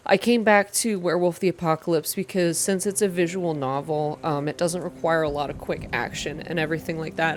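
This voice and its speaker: Her voice sits low, with a faint hiss or hum in the recording. As host of a reading channel devoted to video games, she uses a soft ASMR delivery for both narrated passages and relaxed viewer updates.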